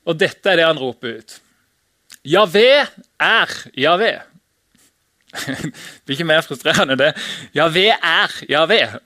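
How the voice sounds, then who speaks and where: A man's voice: high-pitched, no echo, studio quality. A man giving an informal, chatty sermon, laughing now and then and acting out the quotes he reads. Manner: casual, chatty, laughs often, acts out shouted quotes. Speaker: preacher.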